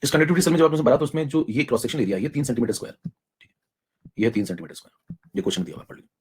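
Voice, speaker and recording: Rapid, husky-voiced male chemistry teacher. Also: medium pitch, expressive. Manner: rapid, coaxing, mixes in English technical terms. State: saving his voice, speaking softly. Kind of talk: live online class lecture.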